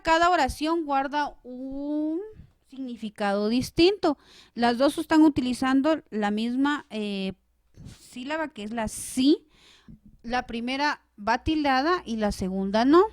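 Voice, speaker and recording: Female teacher for a recorded grammar lesson: clear and emphatic, a touch high, dry booth-like sound. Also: no room sound. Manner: clear, emphatic, stresses syllables when giving examples.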